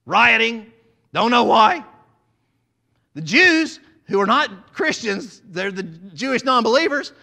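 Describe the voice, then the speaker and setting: Male pastor, lively, dramatic sermon, high-pitched and bright. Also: slow pace. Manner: dramatic, acts out crowd voices, swings from loud to quiet. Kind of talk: animated sermon.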